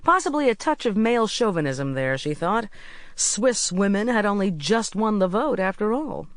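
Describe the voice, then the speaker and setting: Expressive audiobook narrator, dry and close. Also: medium pitch, dry recording. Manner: expressive, measured storytelling.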